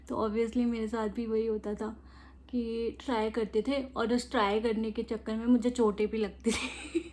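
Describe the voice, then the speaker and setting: A woman's voice: fairly high pitch, a little mellow. A young woman chatting casually while doing her makeup, laughing as she tells childhood stories. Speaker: makeup vlogger.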